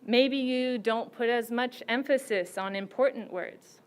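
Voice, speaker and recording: A woman judge giving prepared, teacherly advice to students in a slow and deliberate way. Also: a little high, smooth.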